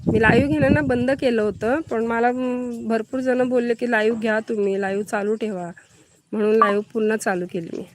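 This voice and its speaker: Woman from Maharashtra, fairly high voice, chatty live-stream host who greets her viewers. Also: steady tone, normal speed, a little hiss or hum. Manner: chatty, greets viewers and answers their comments.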